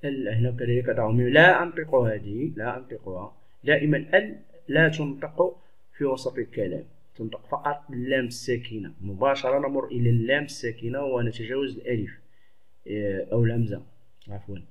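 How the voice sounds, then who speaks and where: Man, teacher, patient classroom explaining, repeats words slowly, middle pitch, muffled lo-fi recording. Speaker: Arabic teacher. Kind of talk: classroom lesson. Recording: dull lo-fi recording.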